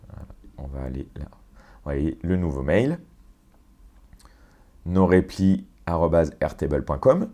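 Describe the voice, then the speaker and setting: A man walking through a software automation on screen, explaining step by step with fillers and self-corrections. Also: very deep voice, expressive, a little slow, long pauses. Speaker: tutorial presenter. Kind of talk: screen-share software walkthrough.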